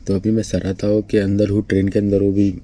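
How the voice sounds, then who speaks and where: A man's voice: lowish voice, fast talker. A young man from India chatting casually to his camera from a train sleeper berth, held at arm's length. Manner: relaxed, chatty, talking to camera. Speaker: travel vlogger. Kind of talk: casual vlog narration. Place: sleeper compartment of a moving train. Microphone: handheld camera at arm's length.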